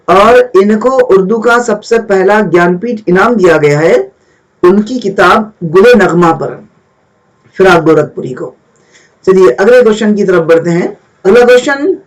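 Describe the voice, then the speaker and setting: A man teaches an exam-prep lesson. His voice sits high, and he explains each answer at length, going back over the key terms. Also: low-quality recording.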